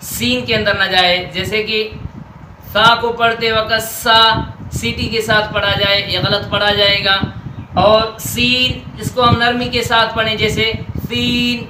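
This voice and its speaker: A man with a Pakistani Urdu accent teaching Quran letter pronunciation, drilling letters slowly and deliberately. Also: sits high, little pitch movement. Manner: slow, deliberate letter drills with stretched sounds. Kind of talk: Noorani Qaida pronunciation lesson. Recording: echoey room with faint noise.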